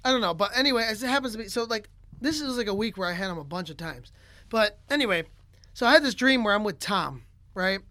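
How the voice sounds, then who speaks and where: A man's voice: high voice, expressive, quick pace, bright, forceful tone, dry recording. A young man co-hosting a casual podcast, rambling through a story with lots of filler words. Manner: rambling, heavy use of filler "like". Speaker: podcast co-host. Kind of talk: casual chat.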